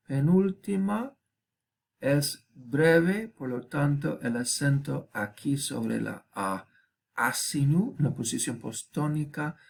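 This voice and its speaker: A man giving a recorded lecture, slowly repeating each example word and asking listeners quick check questions. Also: mid-range voice, creaky, a bit bright. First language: Spanish.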